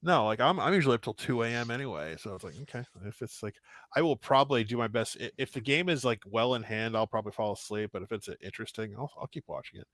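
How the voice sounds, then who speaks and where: A man joining a casual sports livestream as a guest, rambling and laughing, often trailing off quietly. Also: mid-range voice, lively intonation, fast, no echo. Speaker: guest panelist.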